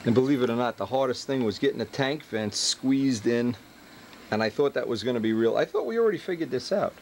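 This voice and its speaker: A man talks casually through hands-on workshop jobs, giving instructions mixed with teasing banter. His pitch is average, and a faint layer of workshop noise sits behind him. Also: expressive, a little fast, vocal fry. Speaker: host, model plane builder directing helpers.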